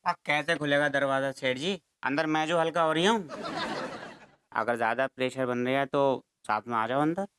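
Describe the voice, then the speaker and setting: Guy playing a teasing giggly lodger in drag, bright sharp voice, tv sitcom. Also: medium pitch, normal speed, smooth, close to an everyday voice.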